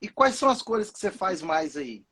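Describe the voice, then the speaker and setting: Male interviewer, husky and high, curious prompts. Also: sing-song, normal speed, pushed and bright. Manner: inquisitive, short prompts. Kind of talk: casual conversation.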